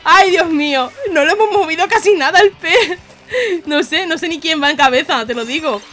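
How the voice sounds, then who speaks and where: High, bright-voiced young Spanish woman gamer. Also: moderate pace. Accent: Spain Spanish. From Spain. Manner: excitable, laughs often, shouts warnings. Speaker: gaming YouTuber. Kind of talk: live gameplay commentary.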